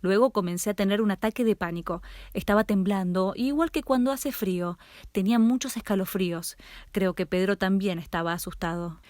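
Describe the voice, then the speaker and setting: A woman narrating a first-person story in a dramatic, expressive way. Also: mid-range voice, a little fast, no echo, studio quality.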